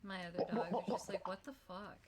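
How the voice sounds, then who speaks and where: A woman's voice: mid-range voice, fairly quick, a crowd in the background. A woman streaming a game, chatting and muttering to herself as she plays. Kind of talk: casual chat while gaming.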